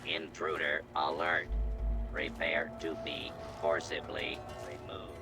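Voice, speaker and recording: Stern office security robot, super deep gravelly filtered voice, loud game music behind. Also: male voice, takes it slowly, full character voice. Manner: flat, clipped machine announcements.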